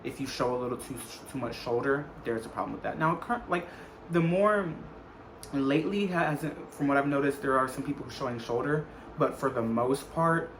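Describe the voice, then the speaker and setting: Speaking at normal speed in a mid-range, slightly bright voice, a vlogger in his twenties from the United States chats casually through a Q&A to camera. He rambles a bit and repeats phrases for emphasis. The recording is rough, with slight background noise and background music.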